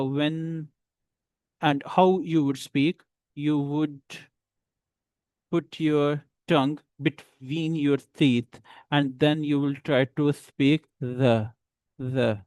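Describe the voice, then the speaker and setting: A man teaching a beginner English lesson, drilling words and numbers slowly and repeating them. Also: on the high side, a little mellow, clear, resonant tone, dry recording.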